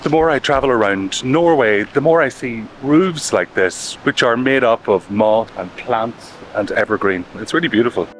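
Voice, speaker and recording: In a medium-pitched voice at a moderate pace and with hardly any pauses, a travel vlogger narrates casually, chatty, wry and upbeat. He holds the camera at arm's length outdoors in the rain and inside a campervan. The recording is low quality, with music underneath.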